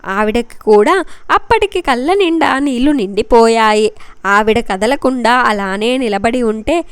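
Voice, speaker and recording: A woman's voice: a little high, lively intonation, a little slow, clean tone, no room sound. A woman storyteller giving an emotive, dramatic narration of a love story.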